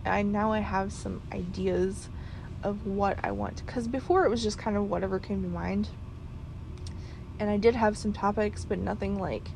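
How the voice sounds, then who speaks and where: A woman's voice: medium pitch, fairly even intonation, moderate pace, gravelly, a little mellow, a little hiss or hum, rough recording. A tired woman vlogger rambling casually, full of fillers and restarts. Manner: rambling, many fillers and restarts, talking in circles. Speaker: vlogger and podcaster.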